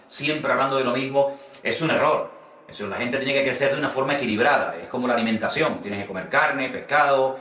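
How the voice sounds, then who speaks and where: A man's voice: mid-range voice, bright, forceful tone, echoey room, distant mic. A male pastor, preaching a sermon about preaching, who often repeats phrases and asks rhetorical "¿no?" questions.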